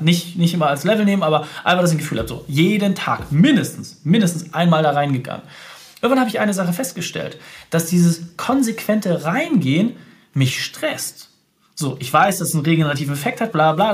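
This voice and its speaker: Male consultant guest, rapid and emphatic, speaks straight to the listener, voice a touch high. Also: big pitch swings. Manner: emphatic, direct, peppered with "ja" and "so". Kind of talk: podcast interview.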